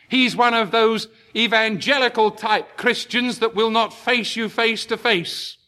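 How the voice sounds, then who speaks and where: A man preaching a sermon to his congregation, slow and emphatic, rising into impassioned peaks. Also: high-pitched, a bit bright.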